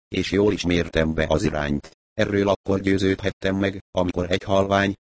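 A man reading a first-person mystery story aloud, in measured storytelling narration. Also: deep voice. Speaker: audiobook narrator.

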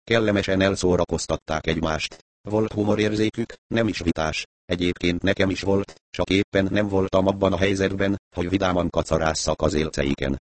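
A man's voice: low-pitched, steady tone, no room sound. A man reading an audiobook aloud in a dry, ironic storytelling tone, voicing the characters himself. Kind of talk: audiobook narration with character voices.

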